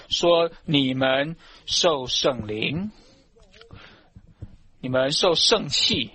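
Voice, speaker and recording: Man preaching slow and fervent, kinda high voice, punches his words hard. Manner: fervent, emphatic, rising to loud shouts of praise. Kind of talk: sermon.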